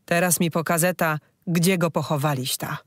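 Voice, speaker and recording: The audiobook reader voicing a village wife whose throat was hurt, speaking hoarsely in rustic dialect. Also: medium pitch, steady tone, moderate pace, no room sound, studio quality, close to an everyday voice. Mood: pleading. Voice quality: hoarse, rough-voiced.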